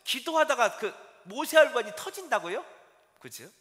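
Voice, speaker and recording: A male pastor preaching a Sunday sermon in a church, animated and asking his congregation rhetorical questions. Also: very high-pitched, moderate pace. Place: church sanctuary. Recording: long church-hall reverb.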